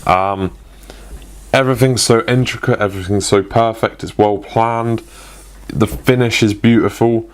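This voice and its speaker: A young man talks through a product review in a casual, rambling way. He fills his sentences with ums and restarts himself often, and his voice sits fairly low. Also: steady tone, a little slow, smooth. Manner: chatty, many ums and restarts. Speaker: tech reviewer.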